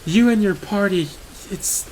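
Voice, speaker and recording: A man's voice: sits high, measured pace, darkish tone, a little hiss or hum, pitched above the performer's own voice, poor audio. A man voicing a rescued townsman who gushes his thanks. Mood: grateful. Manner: effusive, breathless thanks. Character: grateful rescued male townsman.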